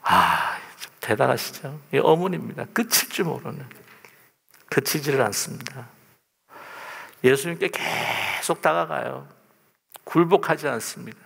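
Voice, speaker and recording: A male pastor giving a lively, conversational sermon from the pulpit, often turning to ask the congregation questions. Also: medium pitch, a little slow, creaky, long pauses, breathy edge. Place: church sanctuary, at the pulpit. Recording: long church reverb.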